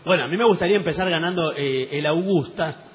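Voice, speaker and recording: A man's voice: on the high side, fast talker. A man playing along in improvised comic dialogue on the radio. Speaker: comedy sketch partner. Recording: clear background noise.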